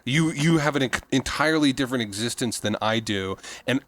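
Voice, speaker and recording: A man's voice: mid-range voice, a little fast, a bit bright. A man hosting a podcast in casual chat, talking with thoughtful enthusiasm.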